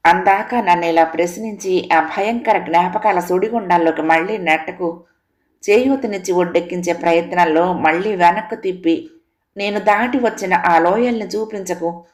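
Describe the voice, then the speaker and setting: A guilt-ridden young woman speaks through her grief in an audio story, pleading and poetic in her sorrow, voiced by a woman narrator. Her voice sits fairly low and stays close to the narrator's own. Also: moderate pace, natural voice. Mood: tearful pleading.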